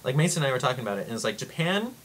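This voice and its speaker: A young man telling travel stories in a casual vlog, rambling and excitable, full of "like" and acted-out quotes. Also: mid-range voice, rapid-fire, slight background noise. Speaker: vlogger.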